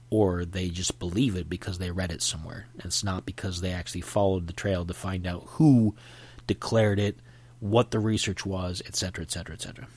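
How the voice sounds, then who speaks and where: A middle-aged man hosts a solo podcast in a low, darkish voice. He sounds sniffly from a cold and rambles opinionatedly, often restarting his sentences.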